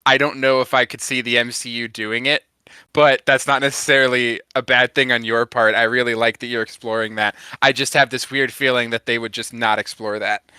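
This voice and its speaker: Podcast co-host, male, crisp forward tone, dry sound, casual agreeable feedback with self-corrections. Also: medium pitch, flat delivery, brisk, bright, forceful tone, no room sound. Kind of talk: casual chat.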